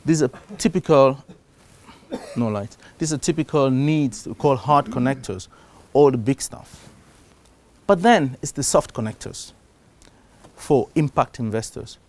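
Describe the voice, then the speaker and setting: A middle-aged man from Cameroon speaks on a conference stage to a live audience. His pitch sits in the middle of the range. He talks in a lively way and keeps raising his voice for emphasis. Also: a little slow. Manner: animated, shifts loudness for emphasis. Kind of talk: live talk on investing.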